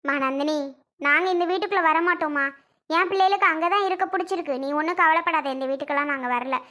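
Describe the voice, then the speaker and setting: A woman's voice: very high voice, quick pace, sharp tone. A woman playing a pleading, self-blaming mother in an amateur family drama skit. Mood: resentful. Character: pleading mother, wife of a failed son.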